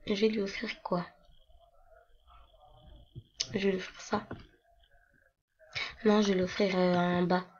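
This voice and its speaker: A young woman with a hoarse voice, chatting casually and rambling with many fillers as she walks through her game accounts on a screen recording. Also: mid-range voice, little pitch movement, a little slow, long pauses, a little mellow. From France. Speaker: gaming vlogger. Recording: lo-fi computer mic with faint noise.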